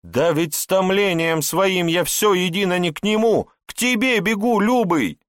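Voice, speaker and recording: A man's voice: sing-song, measured pace, fairly bright tone, no room sound, studio quality. A man reading an audiobook, voicing a jealous young grand princess who pleads and scolds. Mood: furious. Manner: pleading, then fiery and shrill.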